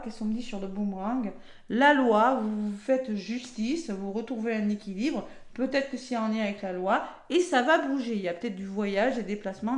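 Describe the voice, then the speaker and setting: Woman, chatty card reader, talks to viewers, slightly high voice, echoey room. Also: darkish tone. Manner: chatty, peppers talk with "hein" and "d'accord"; addresses viewers directly. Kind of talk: casual weekly horoscope card reading.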